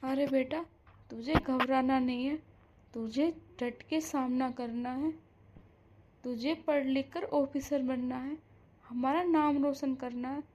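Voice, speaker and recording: A woman voicing a gentle dying mother who softly urges her daughter on in a cartoon story. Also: very high-pitched, completely flat delivery, slow, long pauses. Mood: tender. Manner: soft, weak, earnest urging.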